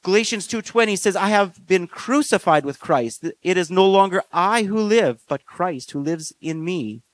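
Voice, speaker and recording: A man preaching a sermon in an earnest, measured way, slowing down on key phrases. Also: sits high, lively intonation, dry recording. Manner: earnest, measured delivery with slow emphatic phrases and frequent fillers.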